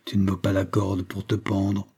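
A man's voice: deep voice, monotone, normal speed, warm tone, husky. A man voicing a self-assured old male professor with a quavering, patronizing voice. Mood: weary. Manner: patronizing, then sneering.

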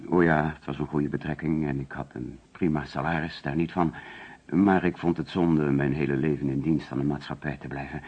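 In a radio drama on an old lo-fi recording, an actor plays an agitated middle-aged businessman being questioned by police. His voice is very deep and husky, steady, at normal speed, and he sounds defensive, hesitant, curt, and guarded.

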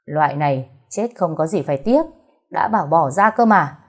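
A woman's voice: sits low, animated, normal speed. A woman voicing a cold, curt, hot-tempered young man, the male lead of a romance story. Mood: furious. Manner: curt and cold, barking when angry.

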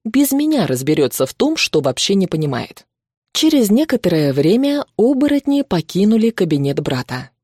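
A woman narrating a novel in the first person, expressive and lively. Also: medium pitch, normal speed, husky, no echo, studio quality.

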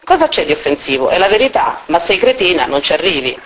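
A woman's voice: on the low side, big pitch swings, quick pace, slight background noise, low-quality recording. A woman reading aloud and voicing a furious, domineering woman who hurls insults at her former partner. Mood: scornful, angry. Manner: scornful, insulting outbursts.

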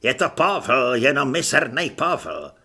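Man playing a gruff bullying corporal, audiobook, loud, barking, sharp tone. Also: mid-range voice, very animated, full character voice. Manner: barking, scornful.

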